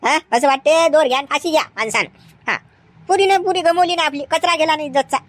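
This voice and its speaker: A woman acting in a village comedy skit, questioning and calming in a chattering way. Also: high-pitched, fast, natural voice. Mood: lamenting. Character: village woman, then police constable.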